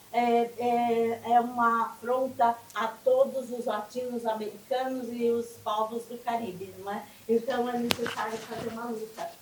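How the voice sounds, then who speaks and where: A woman speaking at a public meeting, giving an impassioned speech full of hesitant fillers that builds to a rallying call. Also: a little high. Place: union meeting hall. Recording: echoey hall, voice from far off, some noise.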